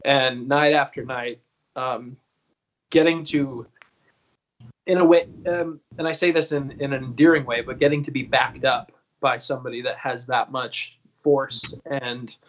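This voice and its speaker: A man's voice: mid-range voice, steady tone, measured pace. Guy in his 30s rambling on a video call, cusses a lot, bit muffled audio. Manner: rambling and laid-back, swears freely, laughs often. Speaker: guest singer. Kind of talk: casual interview chat.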